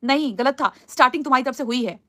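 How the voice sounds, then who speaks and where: A woman's voice: high voice, very fast, sharp tone, dry recording. A woman hosting a casual live stream, answering viewer comments in an earnest, pleading way. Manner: earnest, pleading, repeats "please" often.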